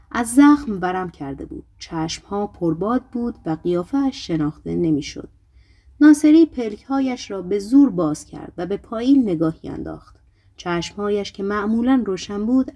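A woman reading a literary novel aloud as an audiobook narrator, in a measured, even storytelling delivery. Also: medium pitch.

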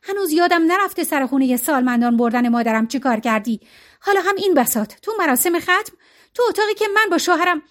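A woman voicing an outraged, betrayed widow who speaks in a sharp, accusing, raised voice. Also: high-pitched, lively intonation. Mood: furious. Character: furious betrayed middle-aged widow.

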